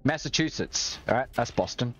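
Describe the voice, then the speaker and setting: Australian man in lively, swearing game chatter. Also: medium pitch, moderate pace, dull audio, slight background noise. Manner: chatty, swears and jokes while playing. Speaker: streamer. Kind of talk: gaming livestream commentary.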